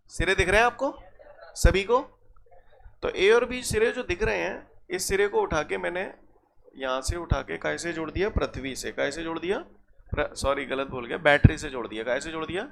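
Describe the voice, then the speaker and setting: A man's voice: high-pitched, moderate pace, creaky, a bit bright, slight background noise. A man teaching a physics class, often checking his students as he works through problems. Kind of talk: classroom lecture.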